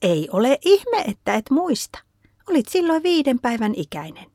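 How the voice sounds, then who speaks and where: A woman voicing a patient, caring mother in a storybook reading, speaking softly and soothingly. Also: high voice, sing-song, no echo, studio quality, voice pushed up, full character voice.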